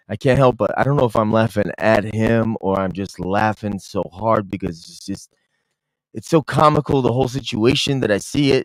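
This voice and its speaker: A man's voice: lowish voice, no echo, low-quality recording. A young man hosting a casual stream, rambling with restarts and mocking a clip he is watching. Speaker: streamer host.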